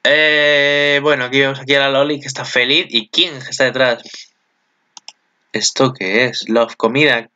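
Excitable bright-voiced Spaniard, lo-fi sound. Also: male voice, a little slow. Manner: excitable, chatty, with sudden high exclamations. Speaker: video commentator. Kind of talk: casual reaction commentary.

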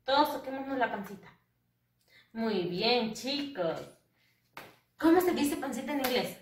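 A woman's voice: sits high, expressive, measured pace, a little hiss or hum. A woman teaching English to first graders in a sing-song, coaxing way, answering her own questions in children's voices. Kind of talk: children's lesson. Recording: roomy, distant from the mic.

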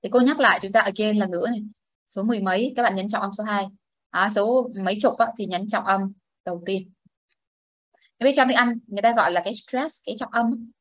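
A woman's voice: mid-range voice, a little fast, dry recording. A woman teaching a classroom pronunciation lesson, patiently explaining and modelling words for students to repeat. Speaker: English teacher.

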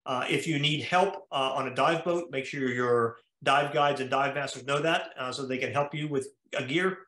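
A man's voice: medium pitch, moderate pace, fairly bright tone. American man lecturing in an echoey room. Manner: methodical, explanatory, frequent uh fillers. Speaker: cardiologist lecturing at a diving conference. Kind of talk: slide lecture over video call. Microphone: video call.

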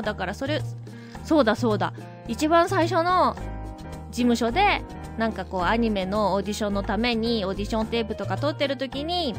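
A woman hosting her own web radio show, talking casually and reflectively, thinking aloud with soft asides. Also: fairly high pitch. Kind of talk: casual solo radio talk. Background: background music.

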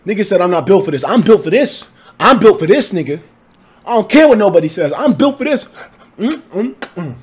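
A young man hosting a livestream, loud and excitable, shouting and swearing as he reacts, his voice hoarse. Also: high-pitched, brisk. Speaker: livestream host.

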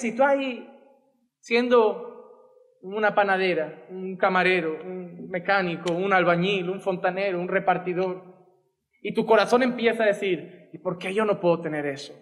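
Behind a wooden pulpit on a church stage, a pastor in his thirties delivers an impassioned sermon with broad arm gestures, his Spanish accent from Spain clear. He has a high voice with a fairly bright tone. The big-room sound comes through a pulpit gooseneck mic.

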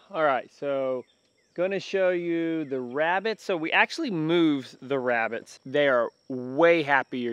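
On his rural homestead, a man in his thirties with a Texan accent vlogs casually while walking, filming himself at arm's length with a handheld camera to show his animals. Chatty and excitable, he talks to the animals in a slightly high, clear, resonant voice with no echo.

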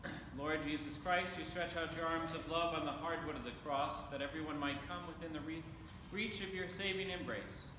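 A man leading a church service, reciting the creed and prayers in a steady, measured way, his voice carrying a cathedral echo. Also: on the high side. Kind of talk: liturgical prayer reading. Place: large reverberant church. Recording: distant mic, long church reverb, steady ambient noise.

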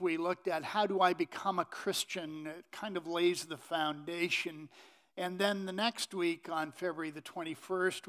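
A middle-aged man preaching from a pulpit in a church sanctuary, unhurried and halting with many fillers. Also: high-pitched, a bit bright. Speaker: pastor. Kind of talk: sermon.

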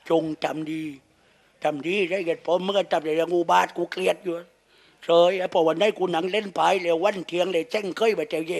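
Man, Southern Thai accent, shadow puppet comedy, high pitch, gravelly, crude joking banter. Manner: crude, joking storytelling with laughs.

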